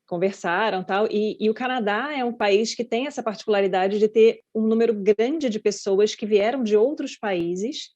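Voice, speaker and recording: A Brazilian podcast host with a mid-range, darkish voice speaks at normal speed with hardly any pauses. She asks long, chatty, rambling interview questions peppered with "né," heard over a video call in slightly dull lo-fi audio.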